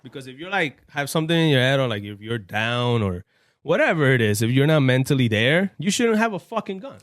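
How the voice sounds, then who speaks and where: A man's voice: mid-range voice, big pitch swings, a little fast, a bit bright, no echo. A man co-hosting a podcast in casual chat, laid-back and laughing easily. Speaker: podcast co-host.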